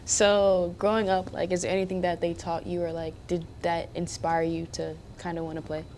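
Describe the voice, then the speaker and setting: A woman's voice: lowish voice, little pitch movement, normal speed, darkish tone, slight background noise. A young woman hosting a podcast and interviewing a teammate in a friendly, chatty way. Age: young adult. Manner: friendly, chatty, asks loose questions.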